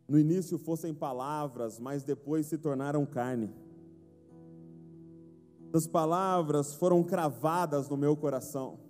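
A man's voice: on the high side, mellow. A young man from Brazil preaching a sermon at a conference, telling stories and building to emphatic declarations. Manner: storytelling, acts out his father and himself, rising to emphatic declarations. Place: large conference hall. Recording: hall reverb with faint music.

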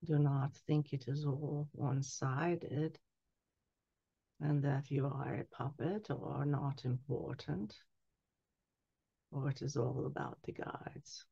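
A woman in her sixties speaking as a trance medium, solemnly delivering a spiritual message in measured phrases with long pauses. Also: extremely low pitch, vocal fry, dark tone, husky, no echo. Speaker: trance channeler. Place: small candlelit room indoors. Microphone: headset boom mic. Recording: dull, lo-fi headset sound.

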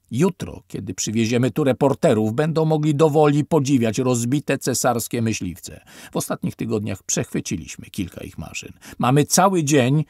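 A man voicing a foul-mouthed, bullying military intelligence officer who shouts threats in an irritating voice. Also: fairly low pitch, vocal fry, slightly rough, no room sound, studio quality, full character voice. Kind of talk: audiobook character voice.

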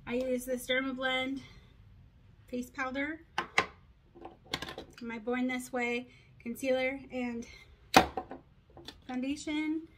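A woman's voice: sits high, little pitch movement, slow, pauses often, heavy background noise. A woman chatting casually through a makeup tutorial, rambling and poking fun at herself as she goes. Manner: rambling, self-deprecating, talks to herself. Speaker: beauty vlogger.

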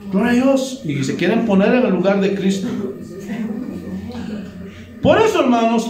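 Brief: Bolivian male pastor, high voice, animated sermon, recorded from a distance in a roomy church. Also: slight background noise. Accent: Bolivian Spanish. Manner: animated preaching, frequent "Gloria a Dios". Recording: echoey room, voice from far off.

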